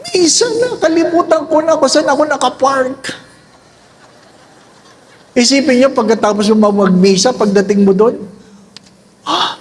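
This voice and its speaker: A man's voice: very high voice, steady tone, normal speed, long pauses, a little hiss or hum. An older man, a priest, giving a homily in a humorous, conversational way, often quizzing the congregation.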